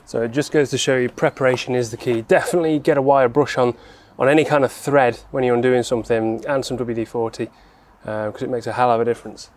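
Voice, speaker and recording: A man narrates a hands-on repair job in an average-pitched voice. He talks informally and explains things step by step, in the casual way of a how-to vlogger. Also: fairly even intonation, fast talker, hardly any pauses, slight background noise. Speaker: presenter of a car repair vlog.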